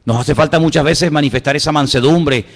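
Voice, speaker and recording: A middle-aged man from Spain preaches with a Spain Spanish accent, his voice sitting fairly high. He drives the sermon with rhetorical questions and drops into soft asides. The hall carries a long reverb. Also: a little fast, vocal fry. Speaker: pastor.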